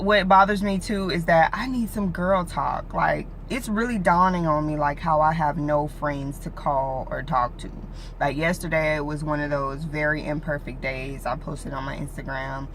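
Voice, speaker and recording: A woman's voice: low voice, a little hiss or hum. A woman in her late twenties chatting casually in a vlog, rambling with many fillers like "like" and "you know", three weeks after giving birth. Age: late 20s. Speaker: vlogger.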